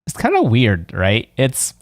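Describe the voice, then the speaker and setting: A man streams a let's play with game music behind him, musing in a rambling, questioning way and often ending on "right?" His mid-range voice swoops wildly in pitch at a measured pace, recorded dry with clean studio sound.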